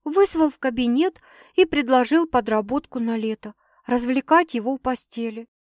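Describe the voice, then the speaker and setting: A woman's voice: fairly high pitch, moderate pace, darkish tone, no echo, clean studio sound, pitched above the performer's own voice, natural voice. A woman voicing Sasha, a sardonic flustered young woman. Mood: rattled. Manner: exasperated, sardonic retorts with profanity.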